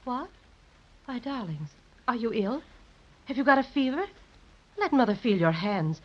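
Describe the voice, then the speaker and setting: A woman playing a gentle, worried mother with a soft, fussing manner and a breathy voice, in 1930s radio drama acting. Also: on the high side, animated, a little slow. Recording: muffled old radio recording.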